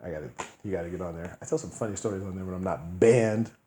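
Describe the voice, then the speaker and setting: A man in his thirties co-hosting a podcast, telling a story in casual, profane chat and acting out the people he quotes in loud bursts. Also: low-pitched, fast talker, reverberant, a little hiss or hum. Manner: profane, animated, acts out quoted voices loudly. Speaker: podcast co-host.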